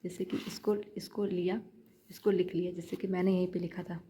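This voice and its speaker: A woman's voice: lowish voice, flat delivery, brisk, mellow, slight background noise. A young woman giving chatty shorthand practice tips in a casual vlog, repeating her points as she coaches viewers. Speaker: shorthand learner vlogger.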